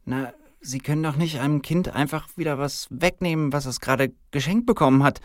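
A man's voice: fairly high pitch, brisk, no echo, clean studio sound, pitched above the performer's own voice, natural voice. A man voicing a timid, stammering female shop assistant in a read-aloud story. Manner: stammering, anxious.

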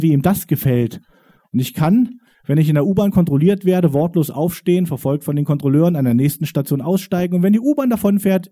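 A man in his forties performs spoken-word poetry in a rhythmic, wry, confessional way. His voice sits a little high for a man but sounds very dark and mellow. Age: 40s.

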